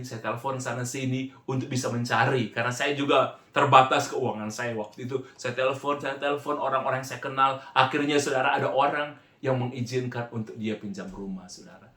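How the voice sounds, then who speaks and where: A man's voice: medium pitch, a bit bright, echoey room. A man preaching a sermon, telling a story with feeling and often breaking off and restarting his words. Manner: emotional, keeps addressing listeners as "saudara".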